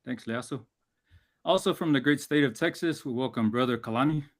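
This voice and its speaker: A man from American Samoa hosts an online community panel on a video call, speaking in a formal, measured way. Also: mid-range voice. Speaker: host.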